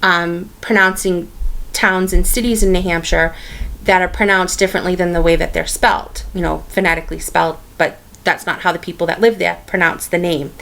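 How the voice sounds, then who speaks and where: A woman's voice: lowish voice, fairly even intonation, a little fast, gravelly, fairly bright tone. A woman with a Boston-area accent, chatting casually in her stitching vlog and rambling with plenty of ums and restarts. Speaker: stitching vlogger. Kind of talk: casual hobby vlog chat.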